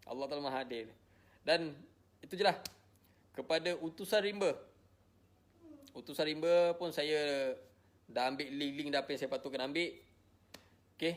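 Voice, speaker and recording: Weary, defensive married man, somewhat high voice. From Malaysia. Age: adult, married with a child. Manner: repetitive, defensive, tired. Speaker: social media personality. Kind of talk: emotional direct-to-camera statement.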